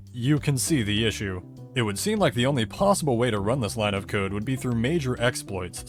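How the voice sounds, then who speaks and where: A man narrates a scripted technical explainer about a video game, walking through it step by step. His pitch rises and falls a lot, and his delivery carries a dry humor. Music plays alongside his voice.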